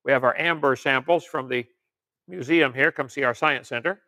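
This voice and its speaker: Bright and forceful, at a medium pitch and normal speed, an older man delivers an informal teaching sermon. A preacher and creationist lecturer, he reads articles and viewer questions aloud and tosses in folksy jokes.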